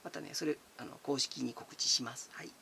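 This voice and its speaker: Giggly chatty man with a gravelly voice. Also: medium pitch, steady tone, fairly quick, sharp tone, a little hiss or hum. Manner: chatty and giggly, calls himself by nickname. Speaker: channel host. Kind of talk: casual chat answering viewer comments.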